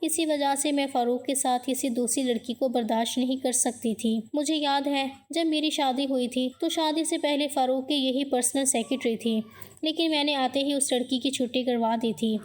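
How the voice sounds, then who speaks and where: A woman narrating a dramatic first-person story in an emotional, expressive way. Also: high-pitched.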